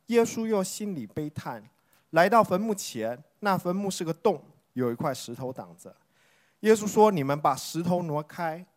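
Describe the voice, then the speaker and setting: A person reading a Bible passage aloud in a steady, measured way before handing over to the pastor. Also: medium pitch. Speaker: scripture reader. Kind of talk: scripture reading.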